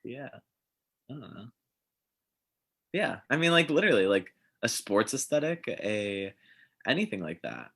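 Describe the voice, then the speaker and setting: A man's voice: medium pitch, big pitch swings, unhurried, gravelly, pauses often, a bit bright, breathy edge. A man who is a guest on a casual podcast, rambling and searching for his words.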